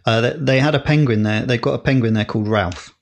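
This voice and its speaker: Rambling man, gravelly. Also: mid-range voice, fast. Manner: rambling, hesitant, many fillers. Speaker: podcast co-host. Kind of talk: casual chat.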